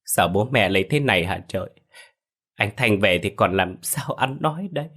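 A man's voice: fairly low pitch, moderate pace, natural voice. A man putting on a scheming young wife's fake wailing. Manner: wailing, sobbing pleas. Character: scheming young wife faking tearful grief. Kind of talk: storytelling with acted dialogue.

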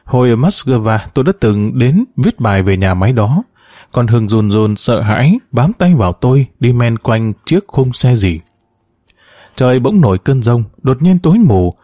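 A man narrating a story in a measured, expressive way. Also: medium pitch, no echo, clean studio sound.

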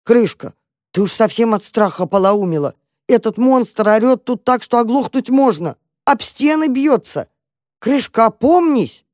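A plucky young male mouse takes charge with quick, eager talk, as a storyteller voices him. He gets impatient and bossy with slower friends in this children's storybook. The sound is dry and close. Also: mid-range voice, lively intonation, darkish tone, dry recording, voice pushed up, close to an everyday voice.

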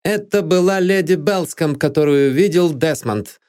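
A man voicing a dry, sharp lawyer who questions in an audiobook. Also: medium pitch, expressive, a little slow, pitched above the performer's own voice, close to an everyday voice. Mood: dry, probing. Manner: dry and probing.

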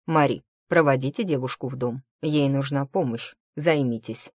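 A woman's voice: extremely low pitch, normal speed, no room sound, clean studio sound. A woman voicing a cold, commanding male demon lord in an audiobook, giving curt, clipped orders. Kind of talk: audiobook character voice.

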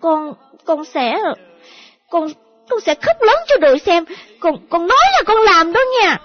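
A woman's voice: high-pitched, lively intonation, normal speed, no echo. A woman voicing a pouty, wheedling young woman. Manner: coaxing, wheedling. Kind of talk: audiobook character voice. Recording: dull lo-fi audio with faint music.

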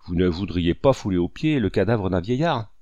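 A man's voice: deep voice, lively intonation, normal speed, mellow, no echo, lo-fi sound. A man voicing a whining old miser. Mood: pleading. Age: older. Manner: pleading, protesting.

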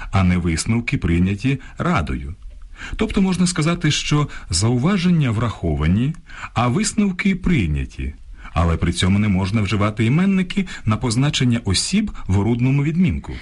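A man presenting a language program on radio, reading a script in a measured, instructive way, contrasting correct and incorrect phrases. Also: mid-range voice, wildly swooping pitch, darkish tone, husky. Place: radio studio.

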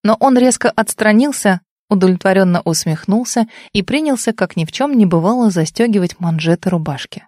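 A woman's voice: mid-range voice, animated, brisk, hardly any pauses, warm tone, no echo, clean studio sound. A woman reading a first-person novel aloud as an audiobook narrator, with an emotional, intimate storytelling manner.

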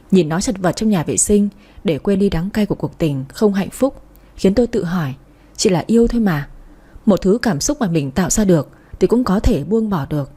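A woman's voice: mid-range voice, mellow, slightly rough. A young woman narrating a first-person story in a wry, matter-of-fact way.

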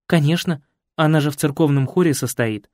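A man's voice: a little high, a little fast, a little mellow, no echo, voice pushed up, close to an everyday voice. An eager, chatty young village woman, as a male audiobook reader puts her on, lifting his voice well above his own. She talks earnestly and a little pleadingly, recorded close and dry. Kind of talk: audiobook character voice.

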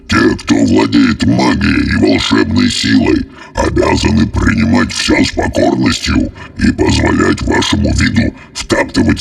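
A cruel, boastful ogre with a bottomless, gravelly rumble. He drags out every word slowly and menacingly. The voice sits far back from the mic, over faint music. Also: exaggerated voice. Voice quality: very deep, gravelly growl. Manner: slow, drawn-out, threatening delivery. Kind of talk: audiobook character voice.

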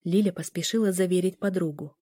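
A woman narrating a novel in a calm, even storytelling voice. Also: lowish voice, brisk, husky, dry recording, studio quality. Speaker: audiobook narrator. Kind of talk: scripted audiobook narration.

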